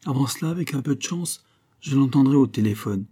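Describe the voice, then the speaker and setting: A man narrating a novel in the first person, in a measured, intimate way. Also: mid-range voice, lively intonation, mellow, breathy edge. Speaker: audiobook narrator.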